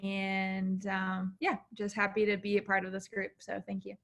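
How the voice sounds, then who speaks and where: A woman from Kentucky, a lacrosse coach, introducing herself shyly and trailing off softly. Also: mid-range voice, completely flat delivery, normal speed. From Kentucky, United States. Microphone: video call.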